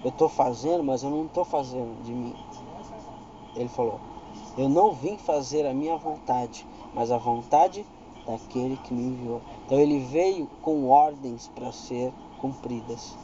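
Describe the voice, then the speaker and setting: A man's voice: medium pitch, unhurried, warm tone, highs cut off, a little hiss or hum. A man with a Brazilian Portuguese accent giving informal Bible teaching, reading verses aloud with rising emphasis and often asking if you understand. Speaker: preacher.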